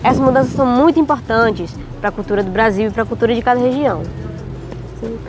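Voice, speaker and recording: A woman's voice: a little high, music in the background, poor audio. A woman with a Northeastern Brazilian accent asking prepared interview questions as a student interviewer. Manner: brisk, reads prepared questions. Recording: loud outdoor noise with boat engines.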